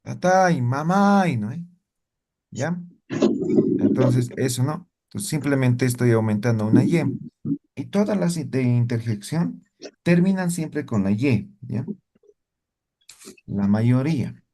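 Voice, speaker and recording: A man teaching a language class, explaining slowly and often asking his students questions with tag questions. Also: mid-range voice, lively intonation, mellow.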